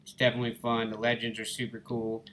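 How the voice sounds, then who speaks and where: Southern alabama guy doing chill gaming commentary, folksy, normal pitched voice, bit of background noise. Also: completely flat delivery, fast talker, a bit bright. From Alabama, United States. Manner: easygoing, folksy, addresses viewers as guys and y'all. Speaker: gaming channel host. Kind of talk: casual gameplay commentary.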